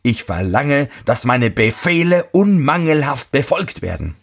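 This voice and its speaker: Voicing a fussy old shoemaker master from a fairy tale, a man raises his medium pitch and speaks a little slowly, very animated with a slightly rough edge. The character is indignant, scolding all around him and yelling complaints.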